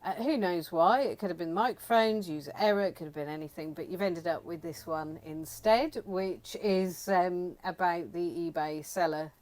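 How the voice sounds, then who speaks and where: A woman's voice: lowish voice, normal speed, hardly any pauses, darkish tone. A woman from the UK co-hosting a reselling channel, chatting casually with many fillers and reading bits from a report. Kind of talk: casual chat.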